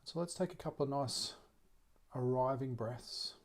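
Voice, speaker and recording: Gentle and unhurried, a medium-pitched male teacher guides a meditation, letting long pauses stretch between his words.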